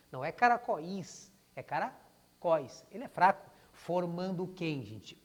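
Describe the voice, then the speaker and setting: A Brazilian man teaching grammar to students, who calls himself "o prof" and keeps calling the class "gente". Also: on the high side. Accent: Brazilian Portuguese. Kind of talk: classroom lesson. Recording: long hall reverb.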